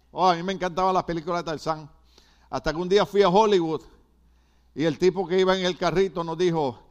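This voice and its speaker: An older man from Puerto Rico with a Puerto Rican accent, preaching a sermon with emphatic repetitions and asides to the congregation. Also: high voice. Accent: Puerto Rican Spanish. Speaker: pastor.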